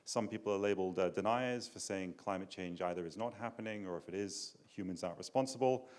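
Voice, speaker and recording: A middle-aged man giving opening remarks at a conference into a handheld mic, relaxed, with frequent fillers. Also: low voice, fast. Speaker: institute director, event co-host. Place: conference hall, standing.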